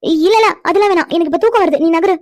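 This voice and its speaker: In cartoon voice acting, a woman plays Aishwarya, a sulky, easily upset young woman, using an extremely high, rapid-fire voice with a darkish tone. Flustered when cornered, the character protests and stammers.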